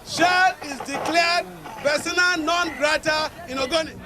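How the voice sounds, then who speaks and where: A man addressing a gathering as a community leader, slow and ceremonial in a declamatory manner. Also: extremely high pitch, steady tone, a crowd in the background. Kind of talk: public address. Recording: distant outdoor recording with traffic.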